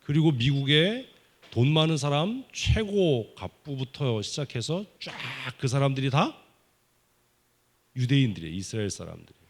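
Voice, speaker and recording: Guy pastor doing a kids sermon at church, joking around, firing questions at the children. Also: medium pitch. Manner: teasing, quizzing the children with rapid questions. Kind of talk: children's sermon at a summer Bible school service. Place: church sanctuary.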